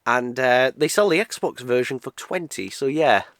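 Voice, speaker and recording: A fairly bright, mid-range voice with lively intonation, a little slow, belongs to a twenty-something British man who is nasal from a cold. His casual game unboxing review rambles with uhs and restarts, and the recording is dry.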